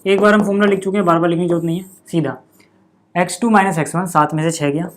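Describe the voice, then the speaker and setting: A man's voice: high voice, steady tone, fast talker, a little hiss or hum. Chatty male maths teacher. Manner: chatty, repeats 'theek hai' and 'yaar' to students. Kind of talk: board lesson.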